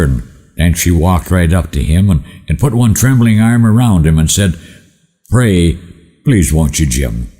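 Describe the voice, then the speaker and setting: Deep cowboy-drawl man reciting in a hall. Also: warm tone. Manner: halting, repeats words as he recites. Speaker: cowboy poet. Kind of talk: dramatic recitation of rhyming cowboy poetry. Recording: echoey hall with long reverb.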